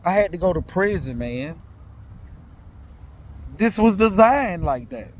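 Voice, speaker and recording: Speaking slowly in a high-pitched voice, a dad aged thirty-plus recounts his own experiences with slang and candor, repeating himself often. He's animated and keeps turning to listeners with asides, checking that they're keeping up.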